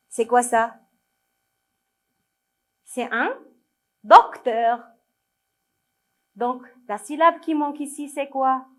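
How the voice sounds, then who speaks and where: Slow patient Moroccan woman teacher. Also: sits high, a bit bright. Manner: slow, patient, repeats words to her pupils. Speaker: primary school French teacher. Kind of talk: video lesson for young children.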